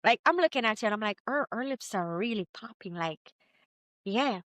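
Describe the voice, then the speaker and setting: A woman in her thirties with a Jamaican accent, telling her story as a podcast guest in a lively, chatty way. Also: fairly high pitch, moderate pace, no echo. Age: 30s. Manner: lively, chatty, quotes herself often. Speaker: guest entrepreneur. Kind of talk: candid storytelling interview.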